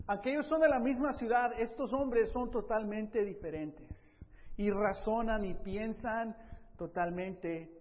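A man preaching a sermon, lively, asking rhetorical questions and acting out Bible scenes. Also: sits high, in a large hall, highs cut off. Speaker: pastor.

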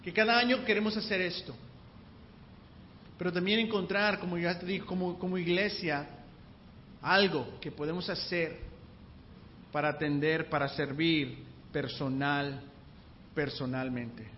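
A man's voice: fairly high pitch, steady tone. Guy giving a sermon in a big echoey church, keeps going "you know?", kinda muffled with a bit of hiss. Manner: conversational, keeps asking the listeners "you know?"; slow and deliberate, stretching key words. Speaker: preacher. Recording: long hall reverb, dull lo-fi sound, faint background noise.

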